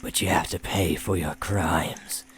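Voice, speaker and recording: A man voicing a taunting male demon with a rough old smoker's voice, in a spoken horror story. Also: sits low, steady tone, a little slow, slight background noise. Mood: gloating menace. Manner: taunting, mocking.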